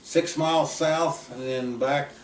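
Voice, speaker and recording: A man's voice: fairly high pitch, fairly even intonation, takes it slowly. Man, 70s, drawl; folksy storyteller, roomy distant recording. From southeast Kansas. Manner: folksy, drifting, trails off quietly at ends. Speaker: uncle telling stories. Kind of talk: casual rambling storytelling. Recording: roomy, distant mic, faint background noise.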